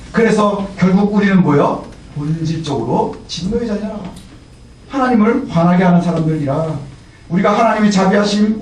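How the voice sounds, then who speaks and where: A man's voice: high voice, heavy reverb, recorded from a distance, slight background noise. A man preaching a Sunday sermon as pastor. He talks in a conversational way, asks questions and answers them himself, and often drops a short "yes" between phrases. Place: church sanctuary.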